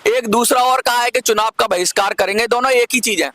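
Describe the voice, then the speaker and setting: A man's voice: very high voice, brisk, bright, forceful tone, no room sound. A man hosting a commentary video, arguing his case to viewers, repeating points for emphasis and urging them to comment. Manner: persuasive, asks viewers to comment. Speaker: channel host. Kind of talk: direct-to-camera commentary.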